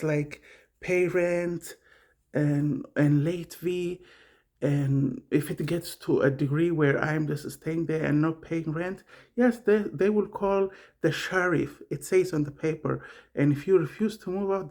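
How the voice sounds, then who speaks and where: A man's voice: on the high side, creaky, darkish tone. A middle-aged man from Somalia talking casually about his own experience, rambling and repeating himself as he searches for words. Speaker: vlogger sharing personal experience. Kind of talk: casual personal monologue.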